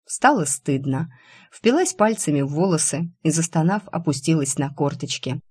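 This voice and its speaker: A woman narrating an audiobook in a measured storytelling manner. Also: deep voice, animated, dark tone, breathy edge. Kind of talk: scripted narration.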